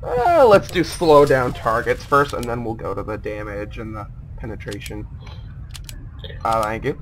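A man's voice: mid-range voice, big pitch swings, a little slow, a little hiss or hum. A young man hosting a gameplay video with friends, joking and rambling in casual commentary, with game sounds and voice chat behind. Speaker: gaming video host.

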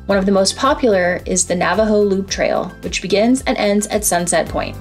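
A woman reads a scripted travel voice-over in a calm, informative, guide-like way. Her voice sits at an ordinary middle pitch, and soft music plays faintly under her. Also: moderate pace. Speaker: travel vlogger narrating a road trip.

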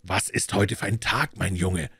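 A man's voice: low voice, fairly even intonation, a little slow, sharp tone, husky, dry recording, exaggerated voice. A man voicing an overjoyed old male miser, exclaiming giddily in a storybook reading. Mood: eager. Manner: exclaiming, breathless and giddy.

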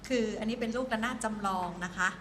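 A woman's voice: fairly high pitch, fast talker. A woman teaching a science lesson to a class, prompting the students with questions. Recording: echoey room with faint background noise.

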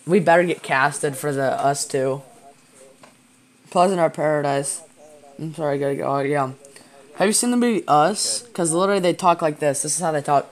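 A teenage boy streaming a video game, chatting in a rambling, excitable way with a friend and his chat. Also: fairly high pitch, normal speed, pauses often. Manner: excitable, rambling gamer banter. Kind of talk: casual gaming stream chat. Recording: noisy home gaming stream.

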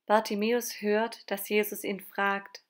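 A woman's voice: medium pitch, little pitch movement, unhurried. Woman narrating a children's Bible story. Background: guitar music.

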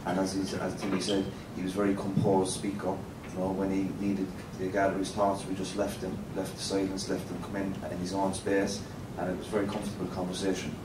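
A man's voice: completely flat delivery, brisk, few pauses. A man in his forties with an Irish accent, talking informally to an audience as an event speaker. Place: conference room with an audience. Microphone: handheld microphone. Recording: echoey, distant, noisy rumbling room sound.

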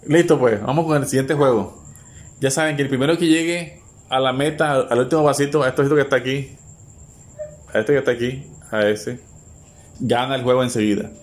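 A man hosting party games at home, urgently cheering players on with rapid, repeated urging and laughter. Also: mid-range voice, fairly even intonation. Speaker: host running family party games. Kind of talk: excited play-by-play commentary. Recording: noisy home recording.

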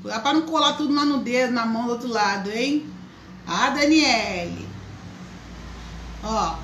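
Female craft host, high and bright, chatty, in an echoey room. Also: unhurried, a little hiss or hum. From Brazil. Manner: chatty, greets viewers by name. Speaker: craft teacher, live stream host. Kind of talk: live craft tutorial.

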